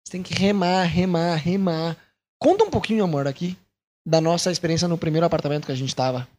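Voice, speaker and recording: A Brazilian man with a Brazilian Portuguese accent, a missionary talking casually to the camera, animated and repeating words for emphasis. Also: fairly high pitch, quick pace.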